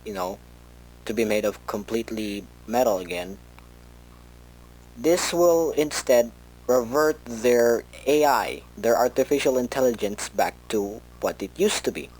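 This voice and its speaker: This fan horror audio log features a man in character as a researcher recording an informal tape, talking hesitantly and conversationally while frequently breaking off mid-thought. His mid-range voice is expressive and a bit slow, darkish in tone with vocal fry. The audio quality is poor.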